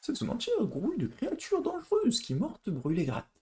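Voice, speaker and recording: A man putting on a high, strained voice for a tired, frightened traveler in a video game. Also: wildly swooping pitch, brisk, warm tone, full character voice. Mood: weary.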